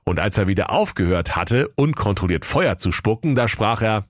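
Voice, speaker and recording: A man's voice: lowish voice, expressive, normal speed, a little hiss or hum. A man narrating a comic fairy tale in a playful, theatrical way.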